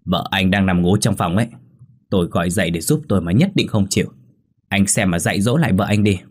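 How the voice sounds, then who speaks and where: A man's voice: sits low, quick pace, slightly rough. A man voicing a harsh, scolding elderly mother-in-law who nags and sneers in a storybook ghost tale. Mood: complaining. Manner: sharp, nagging and contemptuous.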